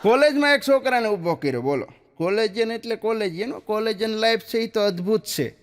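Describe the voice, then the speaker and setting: A man's voice: high voice, expressive, brisk, background noise. A man telling folk jokes on stage, chatty, with "ઈ કે" and "હા" after nearly every line. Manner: chatty, peppers lines with "ઈ કે" and "હા". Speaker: stand-up joke teller. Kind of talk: Gujarati folk comedy storytelling. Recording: long reverb of a hall.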